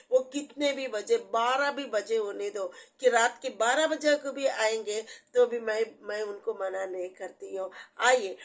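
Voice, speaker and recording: A woman giving a personal faith testimony, earnest and repetitive, with frequent restarts. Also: high-pitched. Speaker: church member giving testimony.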